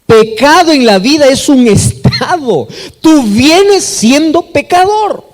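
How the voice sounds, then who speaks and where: His pitch is extremely high, animated and slow as this Peruvian pastor preaches emphatically in Peruvian Spanish. He fires questions at the congregation and answers them himself, with long reverb from an echoey hall.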